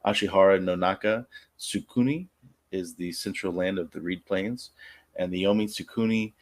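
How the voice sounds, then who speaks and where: A man on a discussion panel, reading from slides in a measured way and hesitating when he speaks freely. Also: low-pitched. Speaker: panel guest.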